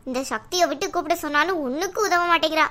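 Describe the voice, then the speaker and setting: A woman's voice: high-pitched, quick pace, bright, forceful tone. A woman voicing a fretful middle-aged cartoon mother-in-law who scolds and hurries her family. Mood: exasperated. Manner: scolding, exasperated. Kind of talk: cartoon voice acting.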